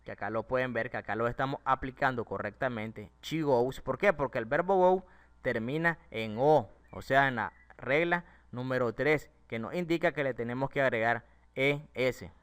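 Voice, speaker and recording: In this classroom-style grammar lesson, an English teacher whose first language is Spanish walks students through each point and poses rhetorical questions. He has a medium-pitched, somewhat bright voice that sounds clear and resonant, at a moderate pace.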